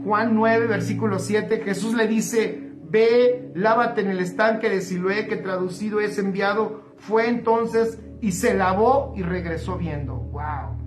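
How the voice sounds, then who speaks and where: A woman's voice: mid-range voice, unhurried, hardly any pauses, music in the background. Woman preaching in an echoey room. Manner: animated storytelling, acting out quoted dialogue. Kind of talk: sermon.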